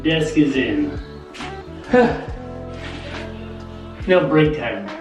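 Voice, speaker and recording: A woman with a lowish, lively voice chats casually and playfully on a family vlog. She sounds distant in an echoey room at home, with music playing behind her. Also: normal speed. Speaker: parent, family vlogger. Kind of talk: casual vlog chat while working. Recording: roomy, distant mic, loud music.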